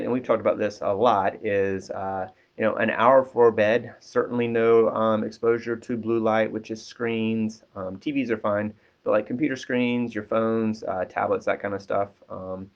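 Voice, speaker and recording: Casting Man, lower voice, counselor giving easygoing advice, lots of fillers, dull lo-fi recording. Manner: relaxed, many ums and restarts. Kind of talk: casual advice talk. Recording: dull lo-fi sound.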